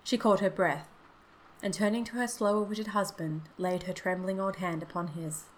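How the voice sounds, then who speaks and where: A woman narrating a classic story in a steady, expressive reading. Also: medium pitch, normal speed, slight background noise, poor audio. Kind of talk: scripted narration.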